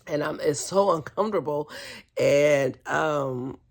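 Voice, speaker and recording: A vlogger tells a personal story in a casual, candid, chatty way, often amused and hesitating as she chooses her words. Her voice sits low with vocal fry, and she takes it slowly.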